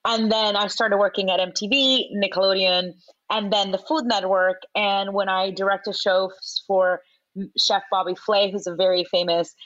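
A woman's voice: mid-range voice, moderate pace, no room sound. Venezuelan chef lady in her 40s, chatty and giggly, dry muffled sound. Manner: animated, laughs often, many fillers. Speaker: chef guest. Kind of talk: casual interview chat.

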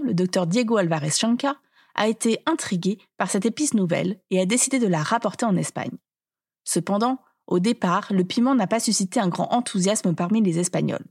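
A woman delivers scripted documentary narration with a slightly husky edge to her voice. She speaks at a middle pitch, explaining each point in a measured, orderly way. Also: darkish tone.

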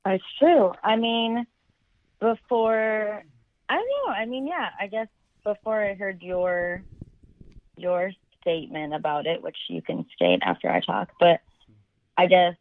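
A woman's voice: medium pitch, expressive, a little slow, no echo. A woman calling in over the phone, chatting casually and hesitantly with lots of fillers. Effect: heard over the phone. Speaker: caller. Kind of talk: casual chat. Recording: dull muffled phone line.

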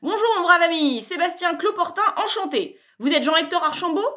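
A woman voicing a brash, over-familiar male salesman who makes a loud, gushing pitch in a storybook reading. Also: lively intonation, brisk, exaggerated voice. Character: brash pushy male salesman, fast-talking schemer.

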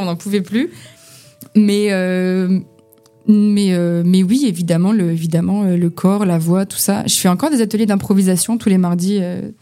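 A young woman from the Vosges in France, an actress and poet, is a guest on a podcast, chatting casually about acting at an informal gathering over beer. Her voice is mid-range and mellow, and her talk is full of fillers and restarts.

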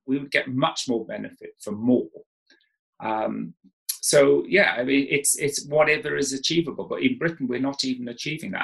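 A man's voice: mid-range voice, gravelly, fairly bright tone, rough recording. A man from Wales, a professor speaking as an expert guest who explains in an informal way, often restarting his sentences. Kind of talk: conversational interview.

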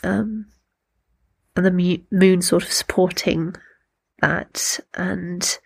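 Slow-paced, thoughtful woman in a lower register. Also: gravelly, slightly rough. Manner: gentle, unhurried, thoughtful, pausing to find words. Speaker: poetry workshop host. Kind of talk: reflective talk with slow poetry readings.

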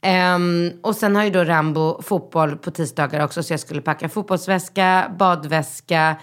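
Low-voiced Swedish-speaking mother telling stories. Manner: lively storytelling with acted-out dialogue. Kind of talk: casual chat.

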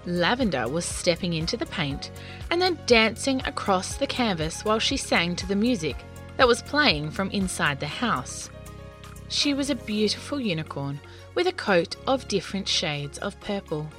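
A woman narrating a children's story in an expressive, lilting read-aloud manner. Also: medium pitch, normal speed, faint music behind.

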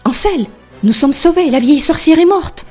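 A woman's voice: animated, normal speed, mellow, faint music behind, lightly acted. A woman doing a pleading little girl. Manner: high pleading cries.

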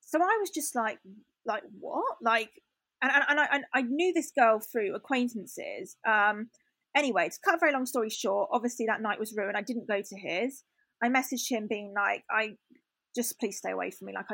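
A woman's voice: a little high, a bit bright, breathy edge, no echo. A young woman telling a personal story in a candid, chatty way, full of fillers and restarts. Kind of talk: casual storytelling chat.

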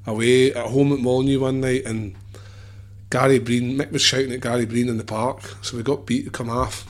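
A man's voice: medium pitch, little pitch movement, a little fast. A man telling casual anecdotes in an emphatic, sweary way.

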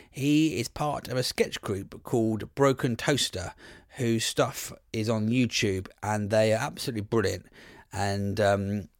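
A man's voice: lowish voice, dry recording, clean studio sound. A British man introducing a podcast as its host in an informal, self-deprecating, jokey way.

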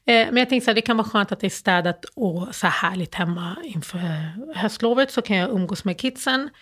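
A grieving woman as an interview guest, telling a personal story in a halting, emotional way with many restarts. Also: medium pitch, a bit bright.

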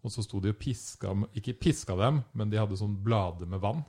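Casting: lower-voiced man, animated storyteller, acts out quotes. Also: breathy edge. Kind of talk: casual storytelling chat.

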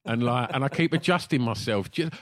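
A man's voice: mid-range voice, fairly quick, dry recording, clean studio sound. A man, chatting as a podcast guest over a video call. He rambles, swears freely and laughs through his stories. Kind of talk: casual chat. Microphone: remote video call.

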